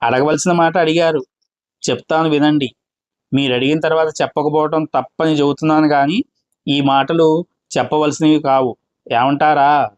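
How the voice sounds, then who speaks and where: A man's voice: fairly high pitch, fairly even intonation, moderate pace, long pauses, dry recording, dull audio, close to an everyday voice. A man voicing a boastful, self-important male tutor in a read-aloud play, lecturing in a pompous way.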